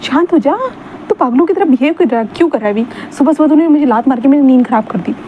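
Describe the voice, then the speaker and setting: Woman doing an exasperated young male roommate, brisk and mocking, faint hum. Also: sits high, natural voice. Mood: irritated. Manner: scolding, impatient. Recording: dull lo-fi sound, faint hum.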